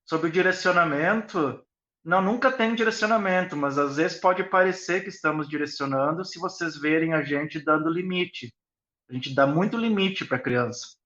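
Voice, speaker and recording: A man's voice: fairly high pitch, a bit bright, dull audio. A man who founded a school, talking on a live online panel and explaining his ideas reflectively with examples.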